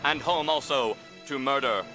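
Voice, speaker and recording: A man narrating as a dramatic 1940s newsreel announcer, with an emphatic, declamatory delivery and dramatic pauses. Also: medium pitch, sharp tone, lightly acted. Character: punchy old-time newsreel announcer, male, adult. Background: music under the narration.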